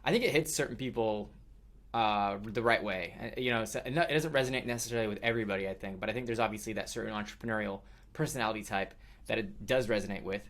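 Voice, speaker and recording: A man's voice: fairly low pitch, quick pace, fairly bright tone. Chatty male podcast host. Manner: chatty, uses many fillers like "you know" and "like". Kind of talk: casual interview hosting.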